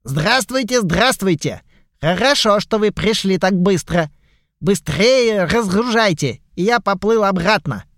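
A man's voice: high voice, animated, unhurried, fairly bright tone, no echo, clean studio sound, voice pushed up, exaggerated voice. A man doing a burring old goblin pirate. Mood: wheedling. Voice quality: burring, rolled r's. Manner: haggling, exclamatory, theatrical. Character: fussy old male goblin pirate, haggling.

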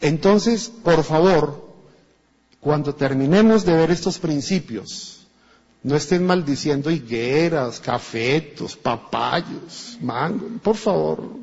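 A man preaching a sermon in a church with a Colombian Spanish accent, animated and acting out the voices of people in his stories. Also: a little high, slow pace, husky. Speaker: pastor. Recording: dull echoey church recording.

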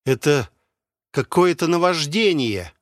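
A man's voice: on the high side, animated, measured pace, no echo, pitched above the performer's own voice. A bewildered young ranger in an audiobook, read by a man in nearly his own voice, puzzled and pleading as he asks for answers. The recording is dry and close.

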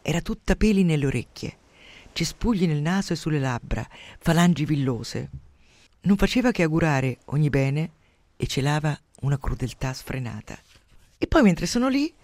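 A man hosting a radio program who retells and reads from a novel in an expressive, conversational way. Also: fairly high pitch, no room sound. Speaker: radio host reading and discussing a novel. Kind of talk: literary reading and commentary on radio.

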